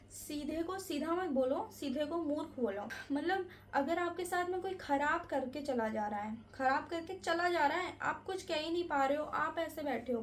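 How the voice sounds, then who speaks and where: A woman's voice: sits high, a little mellow, slight background noise. A young woman vlogger answering viewer questions in a casual Q&A vlog, earnest and advice-giving, slipping English words into her talk. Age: young adult.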